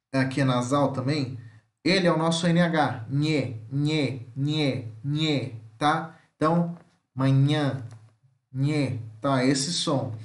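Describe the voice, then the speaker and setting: A man from Brazil teaching a phonetics lesson, patiently repeating speech sounds and checking in with tag questions. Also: fairly high pitch. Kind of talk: home-schooling phonetics lesson. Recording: echoey room.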